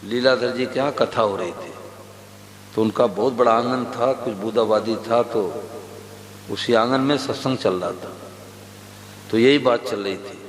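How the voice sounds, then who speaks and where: A man's voice: medium pitch, a little slow, long pauses. A man giving a devotional sermon to a gathering, telling stories with quoted dialogue and asking the audience questions. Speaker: religious preacher. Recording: echoey hall with faint hum.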